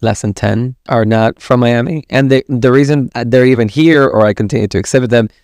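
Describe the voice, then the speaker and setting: A man's voice: mid-range voice, a little fast, no echo, clean studio sound. A man from Ecuador, a gallery director, chatting casually as a podcast guest, rambling with restarts. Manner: relaxed, rambling, with many restarts. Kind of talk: casual interview chat.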